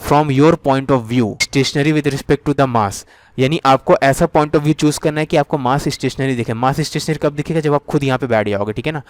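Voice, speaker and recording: Guy revising physics problems, reads the english questions real slow, clear smooth voice, dry sound. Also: medium pitch, no room sound. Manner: mixes Hindi explanation with slowly read English question text; checks in often with "theek hai na". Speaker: physics teacher. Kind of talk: exam revision lecture.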